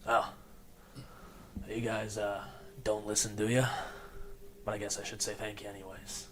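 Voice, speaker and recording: A man doing a gruff wounded old ranger. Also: on the low side, flat delivery, moderate pace, slight background noise, natural voice.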